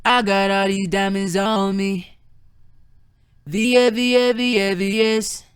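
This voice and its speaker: A man's rapped vocal, run through auto-tune and a pitch shifter into a high, chipmunk-like effect. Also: flat delivery, takes it slowly, clear, resonant tone, dry recording, studio quality. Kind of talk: rapped vocal demo over a beat.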